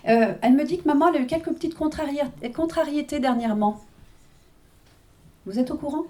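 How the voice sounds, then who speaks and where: Warm-voiced chatty woman medium. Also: high-pitched, brisk. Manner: chatty, constant "hein" and "d'accord" check-ins, frequent laughs. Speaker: medium giving readings. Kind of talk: live mediumship reading.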